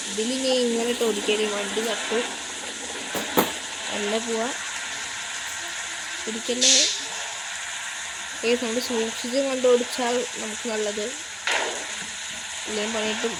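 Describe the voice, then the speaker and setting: A chatty woman, her voice sitting a little high as she talks through a bus-driving game. Engine rumble and traffic sounds from the game run clearly under her voice. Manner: chatty, often cries out at near crashes. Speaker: gaming YouTuber. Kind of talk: casual gameplay commentary.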